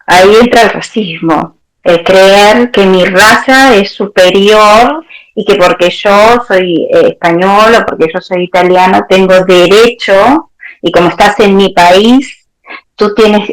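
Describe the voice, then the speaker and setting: A woman therapist answering interview questions in a reflective, searching way, with pauses. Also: medium pitch, poor audio. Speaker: therapist guest.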